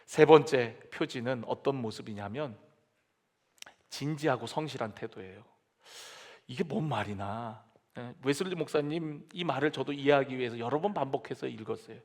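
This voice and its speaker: A man pastor delivering a lively sermon, acting out quoted voices and dropping to soft asides. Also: mid-range voice, moderate pace. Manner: animated preaching with dramatic quoted voices and sudden soft drops. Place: church sanctuary.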